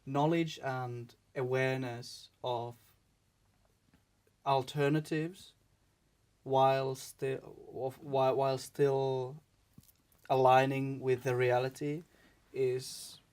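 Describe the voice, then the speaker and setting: A man's voice: mid-range voice, flat delivery, takes it slowly, darkish tone, clean tone. A man from Finland, a debate guest, speaking hesitantly and searching for words. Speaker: debate guest opposing conscription. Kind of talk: casual debate chat.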